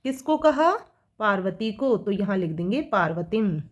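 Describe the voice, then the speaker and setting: A woman teacher, speaking, works through textbook exercises for children, reading each line slowly and then explaining it. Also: mid-range voice, sing-song. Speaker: school teacher.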